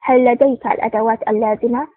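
A woman's voice: a little high, fairly even intonation, fast, close to an everyday voice. Woman reading as a curt male spy officer. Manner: curt and dry. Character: stern male intelligence officer, terse and proud. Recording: tinny phone-like sound.

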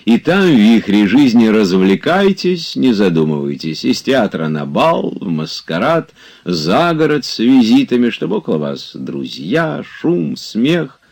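Man voicing a fussy doctor, prescriptive, animated, higher than his own voice. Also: vocal fry, full character voice. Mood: instructing. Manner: brisk, prescriptive. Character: fussy male doctor giving advice.

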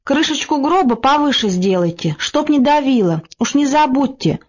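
A woman's voice: a little high, lively intonation, normal speed, a little mellow, dull audio. A woman reading as a dying old hunchback monk. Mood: plaintive. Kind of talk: audiobook reading.

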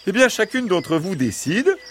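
A man's voice: sits high, big pitch swings, normal speed, a little hiss or hum, pitched above the performer's own voice. A man putting on a sly wheedling fox. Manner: wheedling, falsely reasonable. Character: sly smooth-talking male fox.

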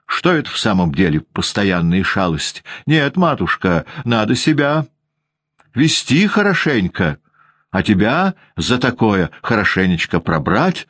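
A man's voice: lowish voice, big pitch swings, a little slow, a bit bright, no echo, pitched above the performer's own voice, heavily acted. A man putting on a hissing, spiteful housekeeper. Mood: scolding. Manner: hissing, sarcastic. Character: spiteful scolding middle-aged housekeeper woman.

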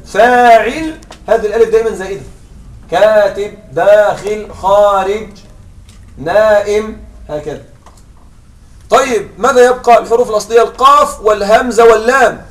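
High-voiced male teacher, distant mic. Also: moderate pace. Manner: patient, checks understanding with repeated questions. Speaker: Arabic grammar teacher. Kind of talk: classroom lesson.

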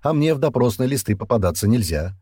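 A man's voice: mid-range voice, very animated, mellow, breathy edge, dry recording, clean studio sound, voice pushed up. Man playing a jumpy hissing merchant. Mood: agitated. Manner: hurried, agitated, hissing. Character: nervous hooded male merchant.

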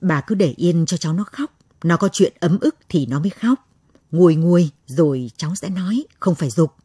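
Woman reading as an old grandpa, calm and steady, husky low voice. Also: normal speed, no echo, studio quality. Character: calm old village grandfather, quietly wise.

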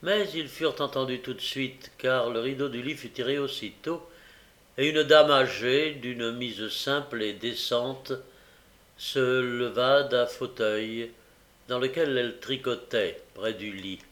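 A man narrating a classic novel as an audiobook, measured and expressive, with occasional small stumbles. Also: mid-range voice.

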